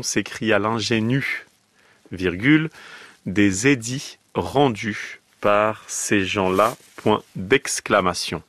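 A man reads a dictation at a crawling, deliberate pace, naming each punctuation mark and spelling out names. His voice sits fairly low. The sound is close and dry. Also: a bit bright, dry recording. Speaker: dictation reader. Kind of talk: slow dictation reading on radio.

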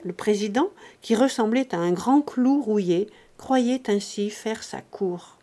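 A woman reading a classic novel aloud as an audiobook, in a steady, measured way. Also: on the high side. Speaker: audiobook reader. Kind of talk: scripted narration of a classic novel.

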